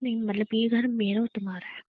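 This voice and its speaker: Woman playing an angry jealous wife in a call drama, a bit high, dry muffled audio. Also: fairly even intonation. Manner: suspicious, demanding, quick to anger. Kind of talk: scripted couple drama. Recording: dry, dull lo-fi recording.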